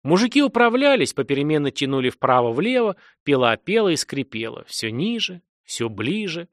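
A man reading a dark fantasy audiobook in a dramatic, swelling narration. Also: on the high side, sing-song, normal speed, no echo, clean studio sound.

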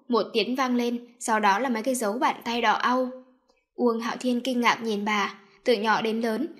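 A woman narrating a romance story, reading in a steady, even manner. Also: on the high side.

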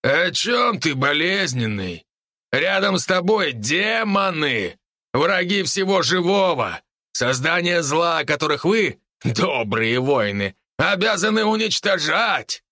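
Man as scarred wolf warlord, sneering growl, bright edge, dry close read. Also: a little high, sing-song, slow, no echo, full character voice. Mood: mocking. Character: scarred veteran wolf-beast warlord, mocking. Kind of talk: audiobook character voice.

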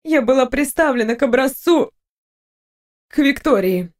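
A woman reading an audiobook, voicing a quiet, guarded young woman scientist. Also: sits high, expressive, unhurried, pitched above the performer's own voice. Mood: strained. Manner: quiet, pleading.

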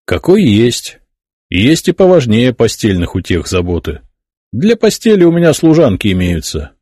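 A man's voice: mid-range voice, huge pitch swings, moderate pace, dark tone, slightly rough, no room sound, studio quality, voice pushed up. A man voicing a blunt, crude king who grumbles in a folksy way. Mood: grumbling.

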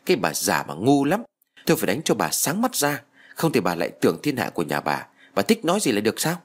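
A man voicing a furious young mother who yells threats. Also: lowish voice, huge pitch swings, fast. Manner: yelling, threatening.

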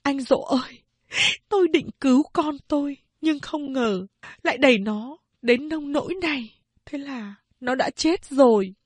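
A woman voicing a grieving old mother who laments and pleads in a high, tearful voice. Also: unhurried, a little mellow, dry recording. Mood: tearful pleading.

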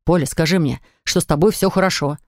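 A woman's voice: deep voice, fast talker, no room sound, clean studio sound. A woman voicing a tender, soothing young father. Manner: soft, soothing, affectionate. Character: tender man in his thirties, devoted new father.

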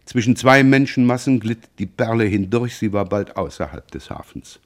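A man reading a novel aloud for radio in a measured, expressive narrating style. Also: fairly low pitch. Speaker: audiobook reader.

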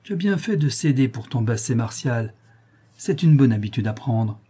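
A man's voice: mid-range voice, expressive, moderate pace, dark tone, slightly rough. A man reading an audiobook, voicing a drunk, violent young bandit who snarls threats at his brother. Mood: taunting.

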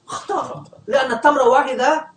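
A man's voice: very high voice, steady tone, brisk, a bit bright. A man teaching an Arabic grammar class, quizzing the students and leaving words unfinished for them to complete. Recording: echoey room, distant mic.

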